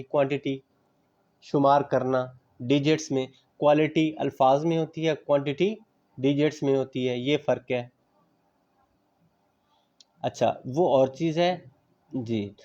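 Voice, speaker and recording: A man's voice: mid-range voice, steady tone, measured pace, mellow, highs cut off. A man giving a classroom lecture on physical education, explaining patiently with everyday examples, mixing in English terms and checking that students understand.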